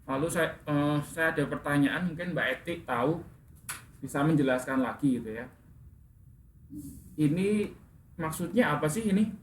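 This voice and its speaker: An English teacher with a fairly high, animated voice instructs his class at a moderate pace, with long pauses. He fixes students' pronunciation and asks questions, and the classroom echoes with faint room noise.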